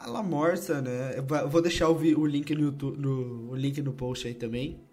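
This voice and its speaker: Brazilian male podcast host, relaxed and casual. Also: mid-range voice, normal speed.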